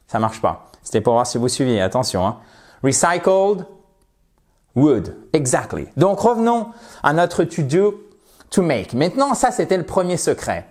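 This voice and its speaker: Slow, playful man teaching English pronunciation. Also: on the high side, darkish tone. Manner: playful, drills pronunciation with repeated words; switches between French explanation and English examples. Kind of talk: online language lesson.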